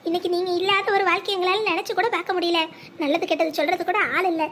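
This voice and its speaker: A greedy son-in-law, sly and flattering, as a voice actor plays him. His cartoon voice is sped up to a squeaky pitch and moves along briskly. A soft hiss hangs in the background. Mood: fawning. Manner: sly asides, fawning flattery.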